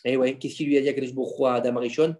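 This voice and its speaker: A man explaining religious stories to his children in a casual home lesson, animated and quizzing them with questions. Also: mid-range voice, rapid-fire. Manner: insistent, keeps the floor. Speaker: father teaching his children.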